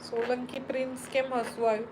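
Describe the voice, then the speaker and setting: A woman's voice: on the high side, flat delivery, fast, noisy background. A Gujarati woman hosting a live stream, chatting casually as she reads viewer comments aloud and answers them one by one. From Gujarat, India.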